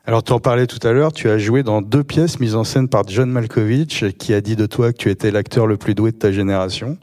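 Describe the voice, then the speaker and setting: A man's voice: lowish voice, brisk, darkish tone. A man hosting a live interview on a theatre stage, leading with prepared questions. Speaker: interviewer, host. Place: theatre stage before an audience.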